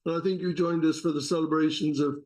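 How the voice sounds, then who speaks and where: A man hosting an event, giving a polite, slightly halting formal introduction of a speaker. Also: fairly high pitch, steady tone, a little mellow. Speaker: event host. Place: lecture room.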